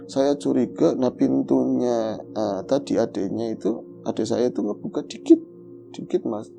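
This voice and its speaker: Dark gravelly man telling a ghost story. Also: mid-range voice, moderate pace, faint music behind. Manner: animated, acts out his own calls and growls. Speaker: guest storyteller. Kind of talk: telling a true horror story in casual chat.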